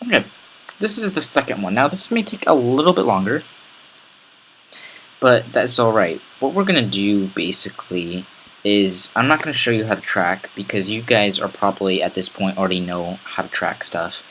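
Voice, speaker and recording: Low-voiced raspy man teaching software. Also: expressive, normal speed, slight background noise, poor audio. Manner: casual, rambling step-by-step instructions. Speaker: tutorial host. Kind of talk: screen-recorded software tutorial.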